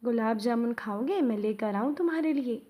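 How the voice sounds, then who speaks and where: A woman voicing a gentle, tearful young man. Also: a little high, lively intonation, moderate pace. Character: kind-hearted young man moved to tears.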